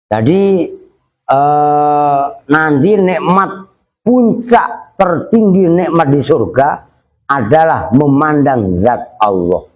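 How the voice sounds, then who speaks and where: Kyai teaching a kitab. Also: male voice, on the high side. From Indonesia. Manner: teasing, joking with students between translations. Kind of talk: kitab study lesson, translating Arabic line by line.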